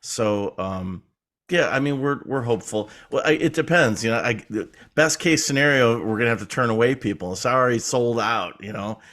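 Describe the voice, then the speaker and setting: A man's voice: medium pitch, moderate pace, a bit bright. A man talking as a guest in a podcast interview, rambling and conversational with a self-deprecating streak. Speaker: guest, film producer.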